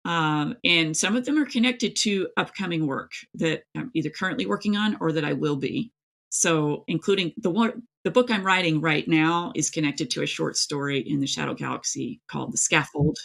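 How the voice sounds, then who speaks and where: Her voice sits low and creaky, with a slightly bright edge. She's a middle-aged author from East Tennessee, USA, being interviewed, and she rambles through her stories in a relaxed, chatty, emphatic manner.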